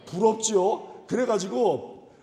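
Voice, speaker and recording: A male pastor preaching a lively storytelling sermon at a retreat service, imitating people in his stories and exclaiming. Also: high-pitched, takes it slowly, creaky. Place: church retreat evening service hall. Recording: echoey hall reverb.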